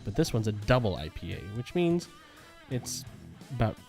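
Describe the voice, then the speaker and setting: A man hosts a relaxed beer-tasting chat at home and keeps tossing in wordplay and silly jokes. His voice sits at an everyday middle pitch. Between the jokes he reads out plain facts about the beer. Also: moderate pace, soft background music. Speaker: host. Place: home room with a new backdrop.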